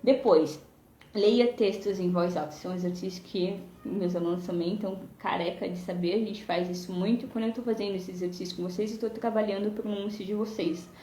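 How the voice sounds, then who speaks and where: A woman's voice: mid-range voice, brisk, warm tone. Woman, Brazilian Portuguese accent, English teacher, live lesson, roomy echo, faint hiss. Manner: chatty, explains with many "né?" and "tá?" tags. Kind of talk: live-streamed language lesson. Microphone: phone or webcam.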